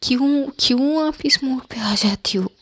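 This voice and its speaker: Woman voicing a young woman, tender, coaxing, soft-spoken, high voice. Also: measured pace. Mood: teasing. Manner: soft, coaxing, half-whispered. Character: tender young woman soothing her partner.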